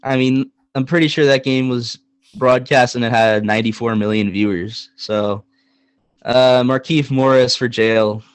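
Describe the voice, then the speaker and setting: A young man co-hosting a casual sports podcast, talking in an animated, joking way and hammering points with repetition. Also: medium pitch, unhurried, clean tone, no echo. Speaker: podcast co-host.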